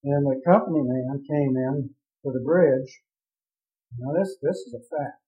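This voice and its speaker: Ex-captain spinning a long rambling yarn, mid-pitched voice, thin phone-like sound. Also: male voice, a little slow. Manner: vivid, rambling storyteller. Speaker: former drilling ship captain. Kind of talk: oral history storytelling. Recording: tinny phone-like audio.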